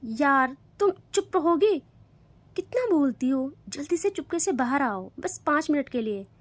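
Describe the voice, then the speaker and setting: Brief: woman voicing a kind, coaxing young woman, soft and high. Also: animated, unhurried, dry recording. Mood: urgent. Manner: gentle, coaxing. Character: calm, caring young woman who soothes others.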